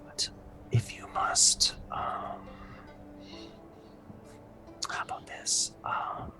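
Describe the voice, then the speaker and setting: A game master voicing a passive-aggressive camp head counselor who speaks only in a breathy whisper and sighs a lot. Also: very slow, music in the background. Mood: irritated. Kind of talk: tabletop game character voice.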